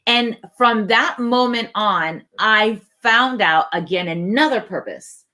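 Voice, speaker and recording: A woman co-hosting a faith talk, telling a personal story in a relaxed conversational way and acting out the lines of the people in it. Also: fairly high pitch, takes it slowly. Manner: earnest, acts out quoted dialogue, laughs easily. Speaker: co-host sharing her testimony.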